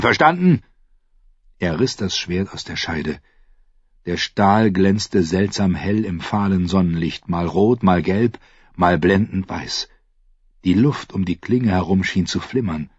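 Male audiobook narrator: husky, measured, dry and slightly dull sound. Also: low voice, a little mellow, no echo. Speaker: audiobook reader. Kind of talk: scripted narration.

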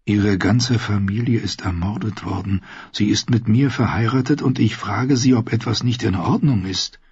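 A man's voice: fairly low pitch, moderate pace, darkish tone, breathy edge, no echo, highs cut off. A man voicing a sardonic dwarf lord with dry wit. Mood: bitter. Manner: dry, sarcastic quips. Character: sardonic, witty dwarf nobleman.

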